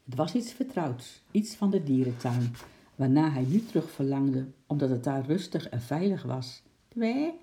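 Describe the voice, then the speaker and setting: A man calmly reading a children's story aloud, in a steady storytelling manner. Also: mid-range voice, normal speed.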